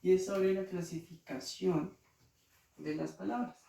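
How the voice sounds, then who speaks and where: A man's voice: high voice, steady tone, a little slow, gravelly, dark tone. A male teacher with a Colombian accent explaining spelling rules to children, patiently repeating each example word. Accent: Colombian Spanish. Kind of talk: slow classroom explanation to children. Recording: roomy, distant mic, faint noise.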